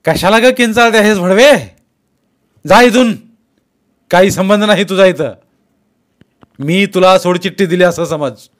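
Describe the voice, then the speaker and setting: A man voicing an abusive husband who shouts threats. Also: sits high, a little slow, pauses often, voice pushed up. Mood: furious.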